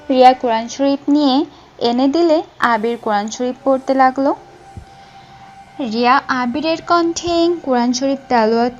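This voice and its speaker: A woman's voice: high-pitched, darkish tone, dull audio. A woman narrator reading a scripted romantic story with music behind her.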